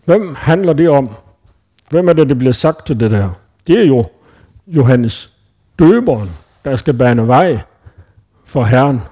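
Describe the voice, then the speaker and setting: A man's voice: mid-range voice, lively intonation, long pauses, mellow. A man preaching in a conversational Bible-teaching style, thinking aloud with frequent hesitations and self-corrections.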